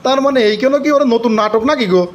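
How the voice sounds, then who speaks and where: High-pitched, gossipy cartoon village uncle. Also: male voice, fairly even intonation, rapid-fire. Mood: agreeing. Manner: calling out, repeating news eagerly. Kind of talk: comic cartoon dialogue, rustic dialect.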